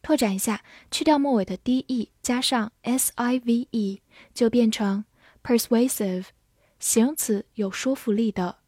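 A woman whose first language is Chinese narrates a scripted English vocabulary lesson in a slow, unhurried delivery. Her voice sits a little high yet sounds dark and husky. She spells each word out letter by letter and reads the example sentences with care, recorded dry and close. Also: no echo.

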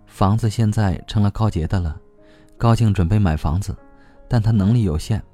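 A man reading a novel aloud, voicing a young woman who speaks gently and coaxingly, with a slightly quiet tone. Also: on the low side, moderate pace, faint music behind, natural voice. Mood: downcast. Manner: gentle, coaxing and soft-spoken. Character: cheerful but troubled young woman.

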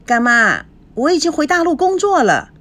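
A woman voicing a cheeky, sharp-tongued young woman who teases. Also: high-pitched, big pitch swings, voice pushed up. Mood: teasing. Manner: teasing, quick retorts.

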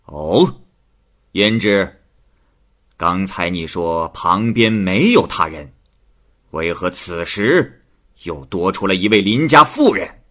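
A man voicing a stern, imperious magistrate of old China, barking slow, threatening questions in a storytelling reading. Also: on the low side, big pitch swings, sharp tone, husky, heavily acted. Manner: barks questions, drawn-out threatening delivery.

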